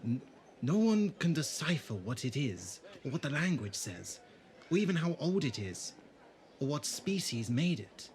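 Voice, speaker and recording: A man with a medium-pitched, darkish voice performs very animatedly at a measured pace, over a slight hiss or hum. His role in the fan audio drama is a courteous, slightly hesitant pottery seller at a market stall, bashful and wistful in mood.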